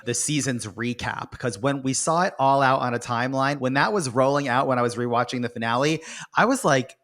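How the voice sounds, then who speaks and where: A man's voice: medium pitch, a little fast, a bit bright. A man hosting a podcast in a casual, campy conversational way. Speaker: podcast host. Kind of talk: casual recap chat.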